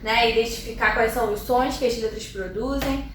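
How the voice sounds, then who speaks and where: A woman's voice: fairly high pitch, normal speed, a little hiss or hum. Brazilian woman, teacher, patient step-by-step explaining; recorded from a distance in a very echoey room. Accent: Brazilian Portuguese. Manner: explanatory, checks in with tags like "tá?" and "ok?". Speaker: Portuguese teacher. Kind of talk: classroom lesson. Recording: very echoey room, mic far off.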